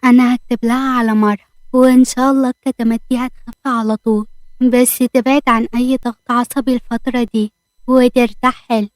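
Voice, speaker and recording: A woman with an Egyptian accent, voicing a calm, matter-of-fact female doctor in a narrated audio story. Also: a little high, fast, no echo, natural voice.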